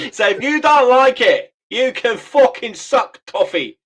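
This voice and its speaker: A man's voice: very high-pitched, fairly bright tone, slight background noise. A man hosting a stream, chatting casually, swearing and laughing often. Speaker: livestream host. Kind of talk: casual chat.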